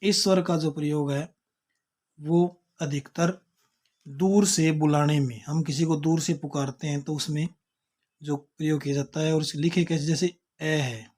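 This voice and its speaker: A man's voice: fairly high pitch, fairly even intonation, a little slow, darkish tone. A man teaching a Sanskrit grammar lesson, patiently explaining and repeating each point, naming letters one by one.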